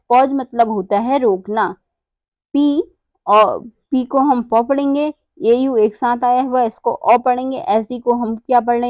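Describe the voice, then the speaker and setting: A woman teaches English pronunciation at a slow, deliberate pace. Her voice sits a little high, and she spells words out letter by letter before answering her own questions. The recording is dry and close. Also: darkish tone, no room sound.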